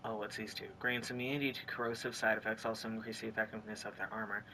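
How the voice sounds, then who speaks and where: A gaming streamer giving let's play commentary, excitable and rambling, reading the game's text aloud between reactions. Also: mid-range voice, fast, a little hiss or hum.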